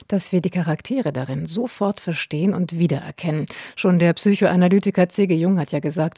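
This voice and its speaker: Woman, public radio host, polished interview moderation, warm dark timbre, husky, dry studio sound. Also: on the low side, no room sound.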